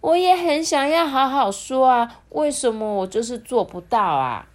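A woman's voice: high voice, expressive, normal speed, pitched above the performer's own voice. A woman doing a stammering, nervous little boy. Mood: earnest. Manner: stammering, breaks off mid-word.

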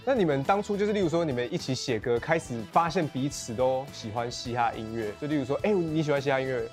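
A man with a Taiwanese Mandarin accent, interviewing and asking quick, plain questions. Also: mid-range voice, lively intonation. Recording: faint music under voice.

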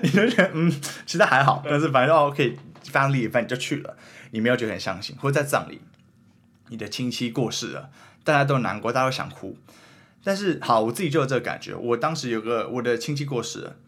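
A young man in his twenties with a Taiwanese Mandarin accent, hosting a podcast in casual chat and thinking out loud in an earnest, rambling way. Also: medium pitch, animated, quick pace, slightly rough. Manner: earnest, rambling, self-questioning. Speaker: podcast host.

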